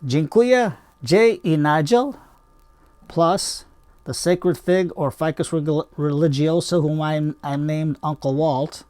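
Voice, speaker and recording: An older man with a slightly high voice talks through a hands-on demonstration in a casual, homespun way. He wanders into chatty asides as he goes. The sound is fairly dry and close. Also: slow pace, darkish tone, dry recording. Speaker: bonsai hobby video host.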